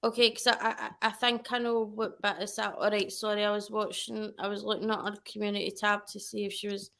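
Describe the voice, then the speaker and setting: A woman's voice: medium pitch, flat delivery, a little fast, gravelly, a bit bright. A woman chatting casually as a guest on a livestream, rambling and correcting herself as she goes.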